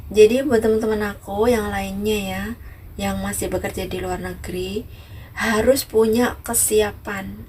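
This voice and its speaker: Chatting casually to viewers in her vlog, a migrant worker from Ngawi, East Java, Indonesia, speaks at a medium pitch and tends to repeat herself. She keeps adding little tags that soften her words and invite agreement. The recording comes from a distant mic with noisy surroundings.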